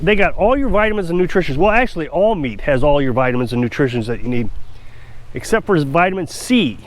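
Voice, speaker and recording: Brisk and lively, this man's stuffy, rather high voice comes from a Missouri off-grid homesteader with a cold. He rambles on to the camera in a chatty, confident, opinionated vlog.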